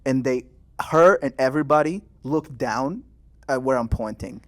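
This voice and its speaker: A man's voice: medium pitch, normal speed. A young man co-hosting a podcast, telling a story in a laid-back, slangy, profane way. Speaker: podcast co-host. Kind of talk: casual chat.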